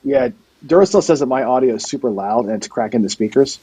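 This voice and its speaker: A man chatting casually on a live online show over a remote call feed whose level is too loud and uneven from automatic gain. He talks in a relaxed way, trailing off and restarting phrases. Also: medium pitch, fast, breathy edge, rough recording. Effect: overly loud, uneven level from automatic gain, jumping up and down. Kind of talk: casual chat. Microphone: remote call audio feed.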